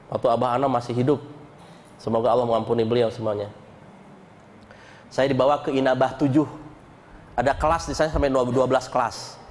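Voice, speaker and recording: A man giving an animated Islamic sermon, mixing chanted dhikr with colloquial jokes and stories. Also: medium pitch, in a large hall, slight background noise. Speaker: preacher. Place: mosque hall.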